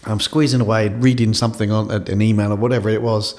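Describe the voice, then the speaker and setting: A man's voice: lowish voice, level tone, fast, a little mellow. A man hosting a casual podcast, chatty and rambling, with lots of fillers and restarts. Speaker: podcast host and company CEO. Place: office studio with a coffee table.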